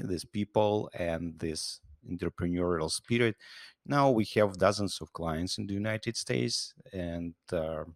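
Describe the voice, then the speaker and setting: Low-voiced man. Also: gravelly, no echo, studio quality. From Russia. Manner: halting, with many fillers and restarts. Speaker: guest, business founder. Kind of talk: interview answers.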